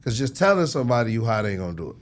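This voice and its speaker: Speaking very fast in a sing-song, medium-pitched voice, a record label executive gives a casual, slangy interview and frequently checks that his listener is keeping up. Clear background noise runs throughout.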